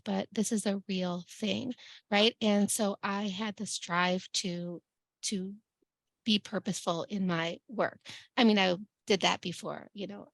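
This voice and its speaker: A middle-aged woman from Chicago shares her story with a community group, talking loosely with plenty of "like" and self-corrections. Her voice has a strong gravelly fry, her pitch sits in a mid range, and the sound is dry and close. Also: dry recording. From Chicago, USA. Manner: many fillers and restarts, says "like" often. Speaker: epidemiologist and guest speaker.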